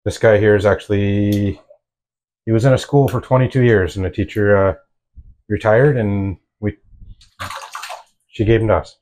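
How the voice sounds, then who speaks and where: A man's voice: on the low side, fairly even intonation, normal speed, pauses often, darkish tone, a little hiss or hum. A man who keeps animals on his farm, explaining things in a plain, matter-of-fact way outdoors. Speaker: animal keeper and farmer. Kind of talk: casual explanation.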